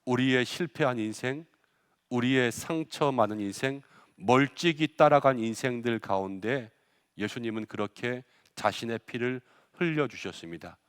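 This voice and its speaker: A man's voice: medium pitch, moderate pace, clean tone. A male pastor delivers a sermon in a church sanctuary, his mid-range voice trailing off into a long hall reverb. He acts out the quoted lines with rising force.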